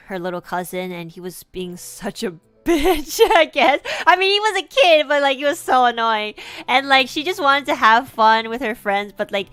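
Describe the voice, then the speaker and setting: A woman's voice: medium pitch, fairly bright tone, smooth. A woman streamer chatting casually, rambling with lots of fillers, giggling and swearing offhandedly.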